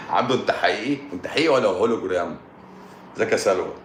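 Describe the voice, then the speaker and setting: Deep-voiced Egyptian man joking on a livestream. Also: expressive, fairly quick. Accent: Egyptian Arabic. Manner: joking, chuckling, repeats phrases, keeps asking "got it?". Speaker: live-stream host answering viewer comments. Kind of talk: casual live-stream chat. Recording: echoey room with background noise.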